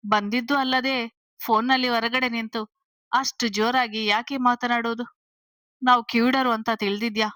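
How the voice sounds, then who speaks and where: A woman's voice: fairly high pitch, fairly even intonation, moderate pace, sharp tone, no echo. A woman voicing a stern, questioning father. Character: stern protective father, middle-aged man, questioning.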